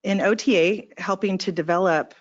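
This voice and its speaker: A woman's voice: lowish voice, moderate pace. A woman presenting policy at a government training, speaking hesitantly with frequent fillers. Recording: dull lo-fi recording.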